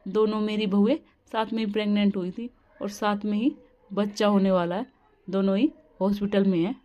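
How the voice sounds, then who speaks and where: A woman's voice: mid-range voice, steady tone, a little fast, muffled recording, pitched below the performer's own voice, natural voice. Woman doing a stubborn mother-in-law. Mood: marveling. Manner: scolding, defiant. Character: bossy older mother-in-law, stubborn and sharp-tongued. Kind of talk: cartoon family drama voice acting.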